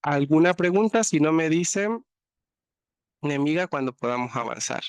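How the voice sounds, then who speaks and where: A man's voice: fairly high pitch, expressive, moderate pace, smooth, no echo. A man teaching a language class, explaining words patiently and often checking that students follow. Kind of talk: online class teaching vocabulary.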